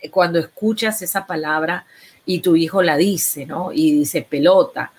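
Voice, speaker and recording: Woman, lowish voice, calm instructive speech-therapy explainer. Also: breathy edge. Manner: patient, instructive, slow deliberate examples.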